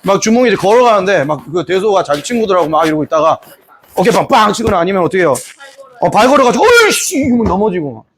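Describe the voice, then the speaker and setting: A man teaching history in a lively lecture, playfully acting out scenes from the story. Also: high-pitched, fast talker, slight background noise. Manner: animated storytelling, playful, voices characters.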